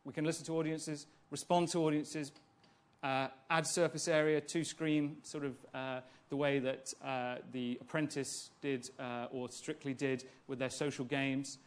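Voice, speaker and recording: A man giving a conference talk about social media, fluent but full of ums, restarts and rhetorical questions. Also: medium pitch.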